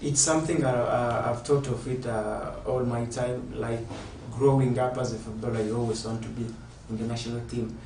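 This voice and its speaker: A man from South Sudan, a footballer, answering interview questions in an earnest, steady way. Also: mid-range voice, normal speed. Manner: earnest, steady, explaining at length. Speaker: footballer guest. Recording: echoey room, distant mic, ambient noise.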